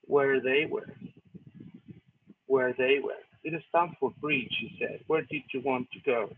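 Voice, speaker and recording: A male English teacher with a Chilean accent walks through a reading step by step in a recorded lesson, frequently checking in with "¿sí?" and "¿cierto?". His voice is medium-pitched with a breathy edge. The audio is tinny and lo-fi, like a phone.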